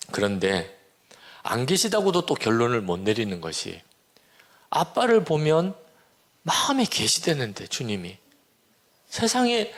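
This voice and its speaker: A man's voice: medium pitch, creaky, a bit bright. A man in his sixties, a pastor, giving an earnest sermon testimony and acting out the prayers and talk he quotes. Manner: earnest storytelling, acts out quoted prayers and dialogue.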